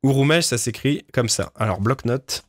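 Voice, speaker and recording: Male creator, casual stream, animated and profane, middle pitch, dry close sound. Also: normal speed, no echo. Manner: animated, swears often, exclaims loudly in disbelief; explanatory, with many filler hesitations. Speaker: creator of a fantasy universe reacting to fan theories. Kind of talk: casual livestream reading and commentary.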